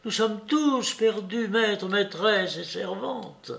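A man's voice: sits high, slow, gravelly, a bit bright, pitched above the performer's own voice, full character voice. A man voicing a frightened housekeeper who scolds and urges anxiously, in an audiobook reading. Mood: anxious scolding.

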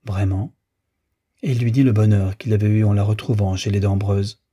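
Low husky guy reading a novel aloud, measured and even, dark tone. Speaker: audiobook narrator. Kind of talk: literary audiobook narration.

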